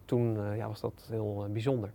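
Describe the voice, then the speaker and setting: A middle-aged man, an entrepreneur being interviewed, telling anecdotes in a relaxed, animated way with plenty of fillers. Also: lowish voice, fairly quick, vocal fry, slight background noise. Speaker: entrepreneur guest. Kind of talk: casual storytelling interview.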